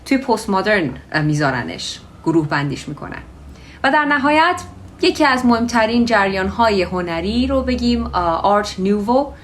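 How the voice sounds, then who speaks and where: Woman, native Persian speaker, English teacher, bilingual vocabulary lesson, slow modeled pronunciation, faint background hiss. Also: mid-range voice, lively intonation.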